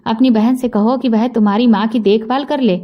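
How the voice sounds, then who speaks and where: A woman's voice: fairly high pitch, steady tone, fairly quick, lo-fi sound, lightly acted. A woman voicing a young rich man who urges and pleads, read in her own narrating voice. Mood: pleading. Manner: urgent, pleading.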